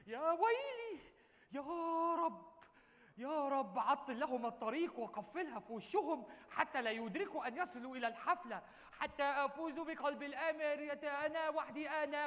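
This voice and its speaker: A pompous, scheming suitor who speaks in grand mock-formal Arabic with an Egyptian accent. His voice sits very high, and it carries through a live theater hall with long reverb. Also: a bit bright. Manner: pompous mock-formal speech, wailing pleas. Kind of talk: live stage comedy. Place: theater stage.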